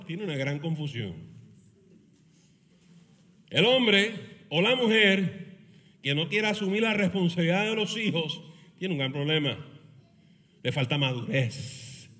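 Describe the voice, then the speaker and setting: Bright-voiced preacher. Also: male voice, high voice. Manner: animated, joking, rhetorical questions. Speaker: pastor. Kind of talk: sermon. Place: church meeting in a school hall. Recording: reverberant hall.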